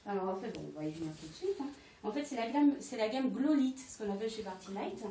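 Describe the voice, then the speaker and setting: A woman's voice: a little high, expressive, fast talker, dark tone. A woman selling candles to guests at a home party, explaining each product step by step with frequent hesitations. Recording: echoey room, distant mic, faint noise.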